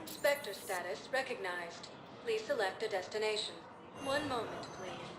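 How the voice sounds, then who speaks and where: A woman voicing a calm, measured automated elevator computer in a video game, announcing destinations. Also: mid-range voice, echoey room, background noise, natural voice.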